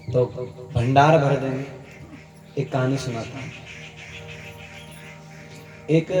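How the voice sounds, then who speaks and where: A man's voice: medium pitch, warm tone. A man preaching a Hindi katha, telling stories and acting out their dialogue in a storytelling manner. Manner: storytelling preacher, acts out dialogue, chuckles to the crowd. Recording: echoey hall, distant mic, faint ambience.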